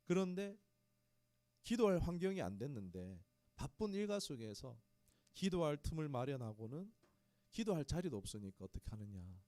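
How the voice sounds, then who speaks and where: A man preaching a sermon in a warm, relaxed voice, chatting with his congregation as he goes. His pitch rises and falls with a lot of life. The sound is dry and close. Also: no room sound. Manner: conversational preaching, talks straight to the congregation. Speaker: pastor. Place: small church.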